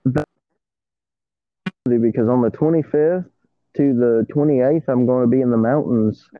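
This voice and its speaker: A man's voice: medium pitch, measured pace. A man co-hosting a casual podcast, talking in a laid-back, rambling way from a small metal shed over a muffled call with a bad connection. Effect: muffled, tinny call over a bad connection. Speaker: podcast co-host. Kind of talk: casual chat. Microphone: phone or internet call. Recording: narrow phone-like line, dry.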